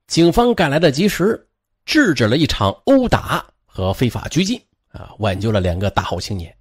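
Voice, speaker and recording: A man narrating a true-crime story in a lively, dramatic way, with fillers and moral asides. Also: medium pitch, gravelly, slightly rough.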